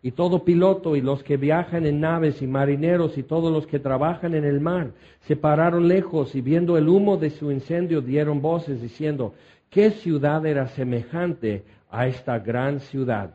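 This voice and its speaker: A man's voice: on the high side, normal speed, few pauses, dark tone, muffled recording. A man preaching a Bible teaching sermon, reading scripture and adding conversational asides to his listeners.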